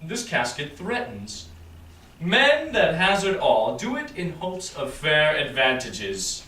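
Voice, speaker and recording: In a staged Shakespearean verse reading, a man plays the prince of Morocco, a proud, self-assured suitor deliberating aloud. His delivery is bright, declamatory and heavily acted, with a fairly high pitch, big pitch swings, weighty pauses and a pondering mood. The sound is roomy and distant, with faint noise.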